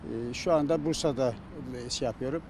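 A middle-aged man from Turkey answering informally in an interview, halting and often stumbling over his words. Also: medium pitch, a little mellow. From Çorum, Turkey. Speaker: interviewee, simit seller and retired civil servant. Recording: faint outdoor street noise.

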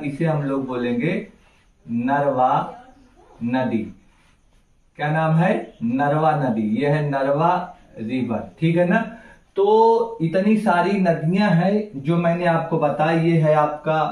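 A man teaching an exam-prep geography lesson, going slowly over names on a map and asking his students to repeat them back. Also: on the high side, darkish tone. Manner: slow, repeats names and quizzes the class. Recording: echoey room, voice from far off.

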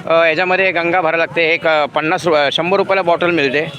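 A man's voice: a little high, fairly even intonation, fast talker, sharp tone, highs cut off, slight background noise. A man in his fifties chatting to viewers on a live vlog while walking a road at night, full of fillers and restarts. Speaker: vlogger. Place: outdoors on a city road at night.

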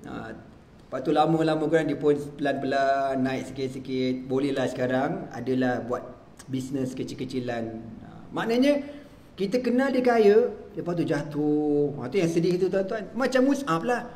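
A man's voice: medium pitch, moderate pace, a little mellow. Malaysian man preaching in an echoey hall. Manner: storytelling, acting out quoted dialogue. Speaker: religious teacher. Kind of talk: sermon. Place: mosque prayer hall.

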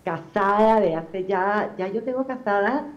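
The recording is muffled, and her medium-pitched voice moves a little slowly. A middle-aged telenovela actress with a Venezuelan accent showing some Argentine influence, she talks expressively as a TV interview guest, using plenty of filler words.

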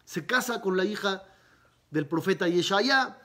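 A rabbi with a high, unhurried voice teaches a Talmud lesson. He retells a story with lively narration, tossing in rhetorical questions.

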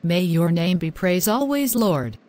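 A woman's voice: fairly low pitch, animated, unhurried, darkish tone. A woman voicing a long-suffering, devout young wife who pleads and prays. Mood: grateful. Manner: pleading, prayerful. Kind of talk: animated drama voice acting.

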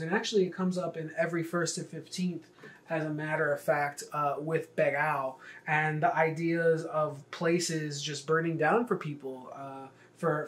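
A man's voice: on the high side, fairly bright tone. A man, a poet, casually talking viewers through his own poem in a loose, chatty way, with many fillers and stumbling repeats. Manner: addresses viewers directly in friendly slang. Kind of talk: casual spoken walkthrough to camera.

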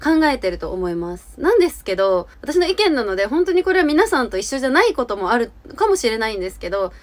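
Young woman, high, lively, fast-talking YouTuber. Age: 20s. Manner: earnest, rambling, softening opinions. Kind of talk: casual opinion talk to camera. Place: small indoor room with curtain backdrop.

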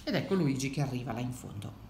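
A woman's voice: extremely low pitch, animated, quick pace, a little mellow, roomy sound, slight background noise. A woman reading a picture book aloud to children, chatting with them and pointing at the pictures. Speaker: storybook reader.

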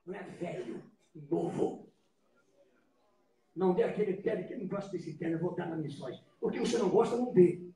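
High-voiced Brazilian preacher, shouting in an echoey hall. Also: male voice, lively intonation, brisk, long pauses. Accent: Brazilian Portuguese. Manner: dramatic storytelling, acting out scenes, sudden shouts. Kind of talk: sermon. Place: large church hall. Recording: echoey hall, distant mic.

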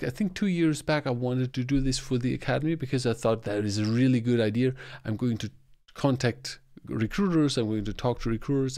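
A man's voice: mid-range voice, a little mellow. Man in his forties hosting a solo podcast. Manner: explanatory, talks with his hands. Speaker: podcast host. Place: small home studio indoors. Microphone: podcast mic on boom arm, close.

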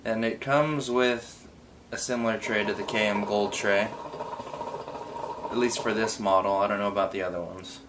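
A man's voice: on the low side, fairly even intonation, moderate pace. A young man giving a casual product review in an informal, loose, self-correcting way, recorded indoors by a camera a few feet away. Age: young adult. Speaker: hookah reviewer. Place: garage workshop, indoors. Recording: faint background room noise.

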